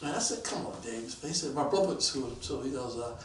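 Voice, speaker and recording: A man around sixty, a police detective guest telling stories in a casual interview. He is animated and acts out the voices of people he quotes. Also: medium pitch, fast talker, a little hiss or hum. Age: about 60. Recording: roomy, mic at a distance.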